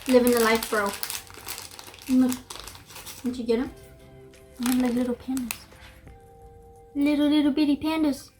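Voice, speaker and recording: Chatty young woman with a high voice. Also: level tone, moderate pace, pauses often, darkish tone, roomy sound, soft background music. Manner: chatty, eats while talking. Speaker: vlogger. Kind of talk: casual snack-tasting vlog.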